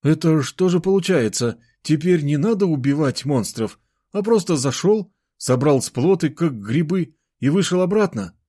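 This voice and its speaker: A man voicing an excitable young man who sounds amazed and incredulous, in an audiobook. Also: on the high side, normal speed, pitched above the performer's own voice.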